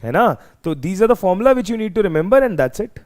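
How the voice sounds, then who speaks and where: Male teacher, North Indian accent, high voice, emphatic exam-lesson delivery with repeated phrases. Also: very animated, very fast, darkish tone. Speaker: chemistry teacher. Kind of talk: live exam revision lesson.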